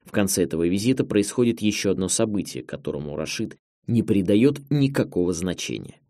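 A man narrating a memoir audiobook in a measured, expressive storytelling manner, recorded on a close studio mic. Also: sits low, no echo.

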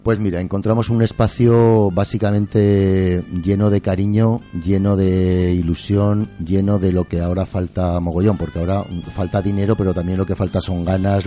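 A middle-aged man with a low, warm voice chats as a guest in a casual interview. He's a museum keeper and musician, and he talks in an effusive, colloquial, rambling way.

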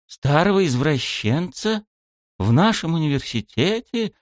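A brisk young woman in charge, from an audiobook, as a male reader puts her on. She sounds businesslike and quick to judge, with a raised, lively pitch. The recording is smooth and dry. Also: no echo, lightly acted. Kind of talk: audiobook character voice.

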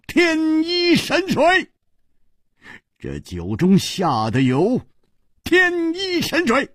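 Guy doing a bold hero in a spoken story, urgent, exclaiming, pitch leaps way up and down. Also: huge pitch swings, extremely slow, fairly bright tone, dry recording, studio quality, full character voice. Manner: urgent, exclaiming, pressing questions. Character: bold young male hero, urgent and commanding.

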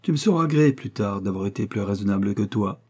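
A man's voice: lowish voice, lively intonation, a little fast, a little mellow, breathy edge. A man reading the part of a domineering old inventor who scolds his son in an audiobook. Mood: furious. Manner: commanding, heated. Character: domineering old male inventor, quick-tempered father.

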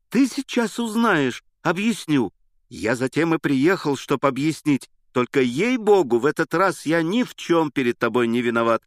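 Man doing a high, pushy-loud young lover, earnest and flustered, audiobook. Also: no room sound, clean studio sound. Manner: eager, breathless protesting. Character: excitable, earnest young man pleading innocence.

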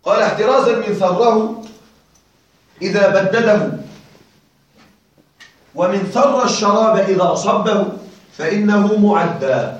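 A man teaching a classroom lesson, questioning his listeners often and slowing down to spell out word forms. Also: high-pitched, very echoey, recorded from a distance, low-quality recording. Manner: checks on listeners with frequent questions; slow and deliberate when spelling out word forms. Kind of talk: classroom lecture on Arabic grammar.

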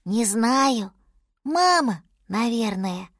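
Woman as a soft, timid baby mammoth boy, high and slow. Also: expressive, no room sound, studio quality, heavily acted. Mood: plaintive. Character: lost, gentle little baby mammoth boy.

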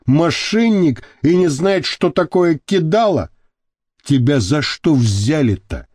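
A man's voice: on the high side, lively intonation, darkish tone, dry recording. Man voicing a weighty old prison boss. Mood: lecturing. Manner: slow, weighty, lecturing. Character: gruff older male prison boss, sentimental.

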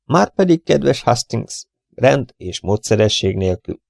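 A man's voice: low-pitched, darkish tone, no echo, studio quality. A man doing a fussy, precise detective. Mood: lecturing. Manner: fastidious, lightly mocking, drops French phrases. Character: fussy, precise male detective, middle-aged. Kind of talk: audiobook character reading.

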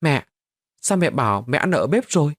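An earnest, pleading teenage boy from a poor village, as a male narrator puts him on. The voice rises high and moves a lot, recorded close and dry. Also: very animated, normal speed, dry recording.

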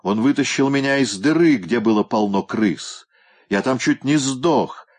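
A man voicing a drunk, sentimental male cat in an audiobook, hoarse and slurring his drawn-out words. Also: medium pitch, animated, darkish tone, pitched above the performer's own voice. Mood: drunk gushing. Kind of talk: audiobook character voice.

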